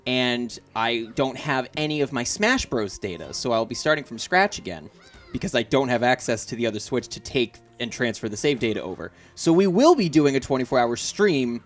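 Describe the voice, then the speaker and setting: A man's voice: medium pitch, lively intonation, moderate pace. A man co-hosting a gaming livestream, chatting casually in an upbeat, self-mocking way and laughing often at his own slips. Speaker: streamer and co-host. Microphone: desk mic at a streaming setup.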